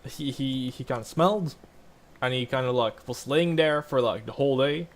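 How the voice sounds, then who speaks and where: A man's voice: medium pitch, normal speed. A young man casually rambling over gameplay, full of likes and restarts. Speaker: gaming vlogger.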